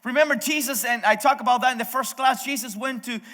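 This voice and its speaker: A male pastor whose first language is Spanish gives a conversational sermon at a church service, speaking directly to the congregation and repeatedly starting sentences over. His voice is extremely high-pitched, quick, bright, and forceful, and the recording has a hall's echo.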